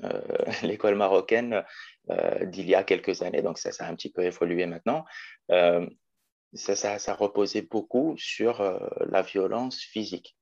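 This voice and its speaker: A man's voice: sits low, moderate pace, vocal fry, a little mellow, dull audio. A man in his twenties from Morocco, a teacher talking as a guest in a casual interview, thoughtful with many hesitations. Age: 20s. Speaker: guest, special education teacher.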